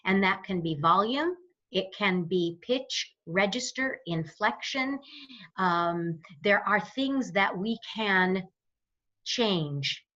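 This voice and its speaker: Here a woman appears as an interview guest and voice coach, demonstrating and explaining while purposely shifting her resonance. She has a mid-range voice, lively intonation and a slightly bright sound, captured on dull audio.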